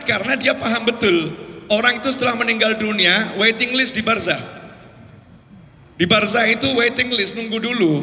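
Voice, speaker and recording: A male preacher giving a lively, casual sermon, telling stories and acting out their voices. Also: high-pitched. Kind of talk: lively religious sermon storytelling. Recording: roomy hall reverb.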